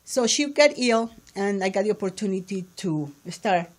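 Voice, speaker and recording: A woman's voice: medium pitch, animated, moderate pace. A woman in her forties with a foreign accent, chatting sociably as a guest on a studio talk show. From abroad, not born in the United States. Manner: chatty, sociable, laughs easily. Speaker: guest, entrepreneur. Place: small studio with table mics. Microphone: studio mic on boom arm.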